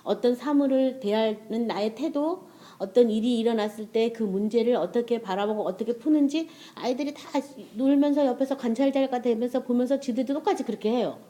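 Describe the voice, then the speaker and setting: A woman's voice: fairly high pitch, brisk, warm tone. A middle-aged woman preaching a sermon in a conversational way, often checking with her listeners.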